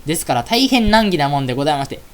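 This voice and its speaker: A woman's voice: low-pitched, big pitch swings, racing. Woman narrating in a formal comic storytelling style.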